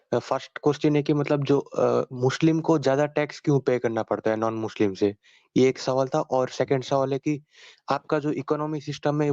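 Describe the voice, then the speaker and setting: A man's voice: medium pitch, a little mellow, no room sound. Hesitant man asking questions, muffled dry audio. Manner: hesitant, self-correcting, many fillers. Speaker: questioner in a debate. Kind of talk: casual debate questioning. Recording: dull dry lo-fi sound.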